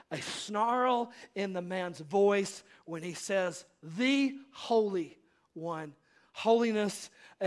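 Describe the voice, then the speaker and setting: A male pastor giving an earnest sermon, rising to loud appeals and dropping to hushed asides. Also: high voice.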